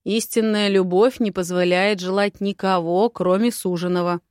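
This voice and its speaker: A calm, patronizing old lord, as a woman reads him in an audiobook. He speaks with settled, condescending wisdom in a dry, close recording with no room sound. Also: medium pitch, moderate pace, dry recording, lightly acted. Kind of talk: audiobook character voice.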